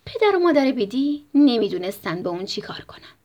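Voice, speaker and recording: A woman reading a bedtime story with a husky, breathy voice. Her pitch swings expressively and she often slips into a whisper. She speaks gently to young listeners. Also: very animated.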